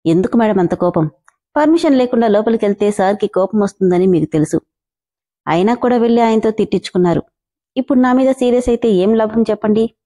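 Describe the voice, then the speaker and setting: Brief: a woman reading as a cheeky male office assistant, quick and joking, mellow tone. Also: medium pitch, close to an everyday voice. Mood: teasing.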